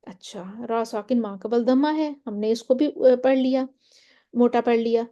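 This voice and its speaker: A woman's voice: on the high side, fairly even intonation, mellow, muffled recording. A woman teaching a Quran recitation lesson, explaining step by step and often checking that her listeners follow. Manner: draws out Quranic example words slowly.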